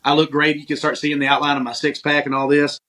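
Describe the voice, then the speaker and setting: Fast-talking man telling his story. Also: fairly high pitch. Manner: lively storyteller, acts out quoted dialogue. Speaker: podcast guest. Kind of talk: casual interview storytelling.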